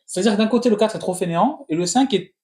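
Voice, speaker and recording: A man in his thirties, chatting as co-host of a film review. He rattles his opinions off quickly in a slightly high voice, often restarting his sentences. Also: darkish tone. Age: 30s. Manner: opinionated, talks in quick restless bursts with many restarts. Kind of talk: casual film critique chat.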